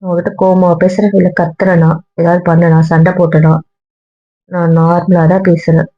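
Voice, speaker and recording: A woman's voice: fairly low pitch, little pitch movement, normal speed. A woman in a couple's argument vlog, talking to her partner in a hurt, weary, lecturing way. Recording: dull lo-fi sound.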